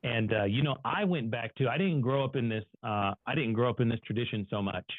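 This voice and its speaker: Over an online video call, a co-host of an online finance show tells personal stories in a casual, folksy, rambling and self-deprecating manner. His medium-pitched voice is brisk, and the audio is dry and muffled like a phone call, with no echo.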